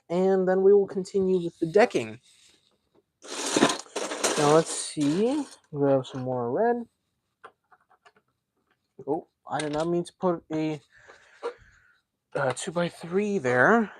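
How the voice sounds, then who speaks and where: A man's voice: a little high, expressive, slow pace, long pauses, a little mellow, a little hiss or hum. A man hosting a casual live stream, chatting and thinking aloud as he builds, a self-described yapper. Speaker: livestream host.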